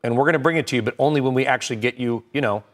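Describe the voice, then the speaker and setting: Speaking in brief, clipped bursts, this medium-pitched American man runs a live business news broadcast, rattling off quick market updates and commentary on breaking stories.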